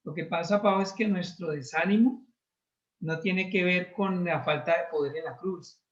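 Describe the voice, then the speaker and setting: A man pastor with a notably high voice, teaching in emphatic runs of phrases and affirming his partner with short replies. The recording is dull and lo-fi. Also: moderate pace. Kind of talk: sermon dialogue. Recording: muffled lo-fi sound.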